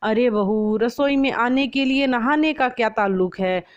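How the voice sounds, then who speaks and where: A woman's voice: on the high side, measured pace, lo-fi sound, lightly acted. A woman voicing a patient older mother-in-law who talks mildly and sounds puzzled.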